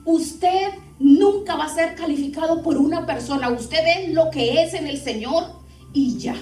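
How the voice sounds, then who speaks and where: A woman's voice: high voice, unhurried, a little mellow. A woman pastor preaching a fervent sermon, speaking straight to her congregation. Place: church hall. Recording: echoey room, heard from a distance, faint music.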